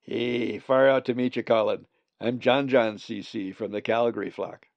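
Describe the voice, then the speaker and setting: A man's voice: mid-range voice, steady tone, moderate pace, creaky, no echo, lightly acted. A man voicing a laid-back male raven who talks in easygoing hippie slang. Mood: mellow. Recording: dull dry lo-fi recording.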